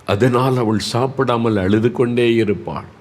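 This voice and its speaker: A male preacher delivering a heartfelt devotional sermon at a middle pitch. He leans on repetition and lets his voice sink low and slow in one line, then rise with urgency in the next. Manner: emotive, repeats words for emphasis; moves between soft, slow lines and raised, pressing ones.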